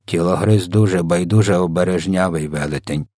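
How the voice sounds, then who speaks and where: A man voicing a big, kind old giant who talks slowly and mangles his words. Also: deep voice, mellow, dry recording, studio quality, close to an everyday voice. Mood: gentle, stubborn.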